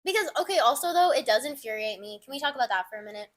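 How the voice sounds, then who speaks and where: A woman's voice: on the high side, racing. A young woman in her twenties co-hosting a podcast, chatting casually and telling stories animatedly, acting out what people said. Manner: animated storytelling, acts out quoted dialogue. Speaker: podcast co-host. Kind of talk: casual chat.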